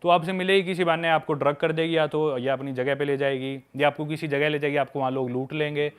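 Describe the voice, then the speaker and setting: Smooth-voiced young man telling travel tales. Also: fairly high pitch, fast. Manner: lively, frank, addresses listener as brother. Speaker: podcast guest, travel video maker. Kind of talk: casual storytelling chat.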